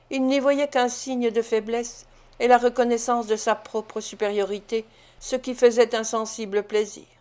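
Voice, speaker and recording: A woman narrating a classic novel as an audiobook reader, in a measured, expressive way. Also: on the high side.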